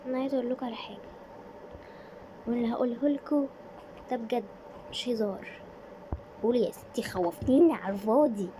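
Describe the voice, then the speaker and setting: A woman's voice: fairly high pitch, quick pace, long pauses, dark tone. Egyptian woman acting out a school drama. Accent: Egyptian Arabic. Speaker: storyteller voicing all parts. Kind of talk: amateur one-woman audio drama. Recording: noisy home recording.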